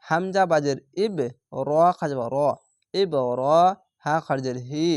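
A man teaching Quran reading, sounding out each letter and syllable slowly and patiently in a step-by-step lesson. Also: on the high side, a little mellow, clean tone, dry recording, clean studio sound. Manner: slow, drawn-out syllable-by-syllable recitation.

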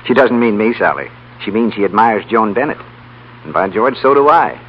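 With a fairly low, animated voice and a fairly quick delivery, this American announcer presents a scripted radio program from the 1930s, ads included. The recording is a muffled period broadcast carrying a faint hum.

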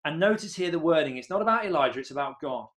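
A man in his thirties preaching an earnest sermon from a room at home into a webcam, rising to excited emphasis on key points. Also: on the high side, fast.

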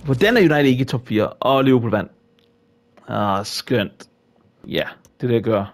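Excitable man reacting to a football game. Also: medium pitch. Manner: excitable, frequent exclamations. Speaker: gaming YouTuber.

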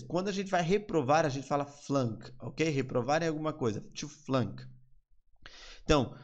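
A man with a Brazilian Portuguese accent teaching a live online English lesson, explaining and slowly repeating English phrases. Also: mid-range voice.

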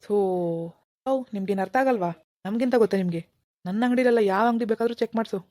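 Cartoon: woman doing a gruff sneering shopkeeper, rapid, dry, dark. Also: on the high side, no room sound, lightly acted. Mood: scornful. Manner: gruff, dismissive, shooing people away. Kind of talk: animated cartoon dialogue.

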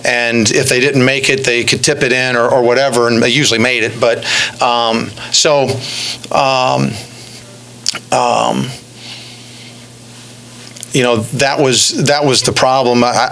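A middle-aged man, a basketball coach, answering press questions after a game, halting with many fillers and restarts, speaking into a podium stand mic. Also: mid-range voice, sharp tone, rough recording. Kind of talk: post-game press conference. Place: press room in front of a backdrop.

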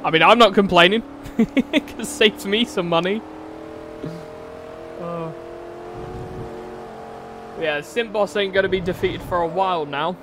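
A man's voice: high voice, measured pace, pauses often. A young British man commentating a live stream while he plays, chatty and crude, swearing and laughing at his own jokes. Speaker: game streamer. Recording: racing game engine noise behind voice. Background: car engine sounds from the game.

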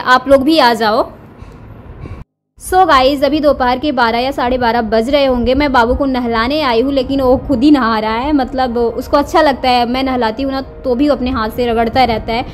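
A woman's voice: sits high, steady tone, brisk, faint music behind. A woman vlogging at home in a cooing, sing-song baby-talk manner, chatting to a little girl and narrating her day. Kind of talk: casual home vlog, baby talk to a niece. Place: family home indoors.

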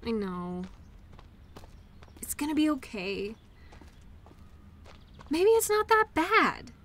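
A woman with a high, very animated voice speaks slowly and a little brightly, fully in character. She plays a caring, upbeat girlfriend in an intimate roleplay audio, soothing, playful and encouraging as she comforts her injured partner. The mood is tender and sympathetic.

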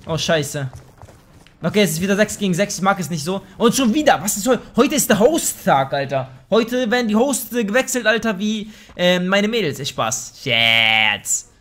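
A young man commenting on a shooter game as he plays, slangy and swearing, with excitable outbursts. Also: high voice, moderate pace. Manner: slangy, swears and trash-talks. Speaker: let's play host. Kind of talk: casual gameplay commentary.

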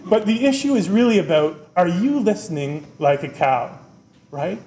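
A man's voice: high-pitched, normal speed. A middle-aged man, dean of a business school, giving a conversational keynote at a podium and often checking in with "right?". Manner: animated, conversational, often adds "right?", gestures with both hands. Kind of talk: keynote speech. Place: lecture room, at a wooden podium, indoors. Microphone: podium microphone. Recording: roomy lecture-room sound, faint background noise.

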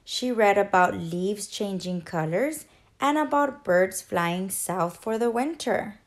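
A woman teacher reading a children's picture book aloud in an expressive, gentle storytelling manner. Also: medium pitch, slow pace.

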